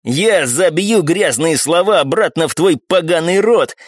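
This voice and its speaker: A man's voice: fairly high pitch, animated, normal speed, dry recording, clean studio sound. A man voicing a smug, boastful young male baron who taunts his opponent. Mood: taunting.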